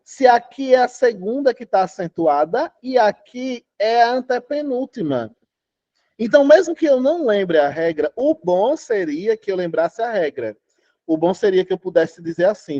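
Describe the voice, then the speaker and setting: A man's voice: high-pitched, warm tone, no room sound, dull audio. A man teaching a Portuguese class online, chatty, quizzing students and singing out syllables. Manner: chatty, asks students questions, sings out syllables.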